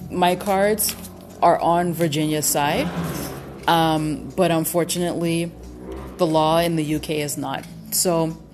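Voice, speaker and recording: A woman with a slightly low voice talks her viewers through a casual tarot reading. She speaks haltingly, with frequent fillers, restarts and cautious hedging. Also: darkish tone. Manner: cautious, hedging with repeated qualifiers. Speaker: tarot reader.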